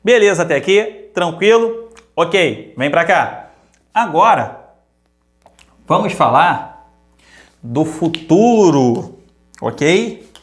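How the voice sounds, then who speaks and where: In a lively grammar lesson, a man whose voice is a little high and who has a Brazilian Portuguese accent repeats examples at a slow pace and stops to check in with his listeners through questions.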